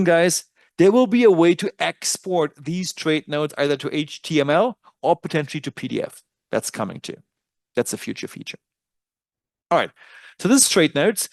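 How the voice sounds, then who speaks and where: Walking through a trading dashboard's features in a webinar tutorial, a man with a German accent talks casually and corrects himself as he goes. His voice is slightly high with vocal fry, and there's no room sound.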